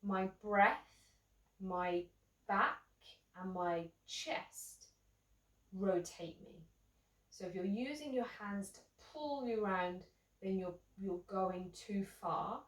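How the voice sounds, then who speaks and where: A woman teaching a seated yoga class, talking gently and casually, with many ums. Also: medium pitch, animated, slow pace, roomy sound, recorded from a distance, low-quality recording. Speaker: yoga instructor. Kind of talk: guided seated yoga instruction.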